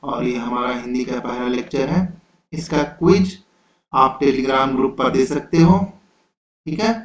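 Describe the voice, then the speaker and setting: Slow-talking man teaching a lesson. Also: mid-range voice. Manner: slow, repetitive explaining with frequent "theek hai". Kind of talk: exam-prep lecture. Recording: roomy, dull lo-fi sound.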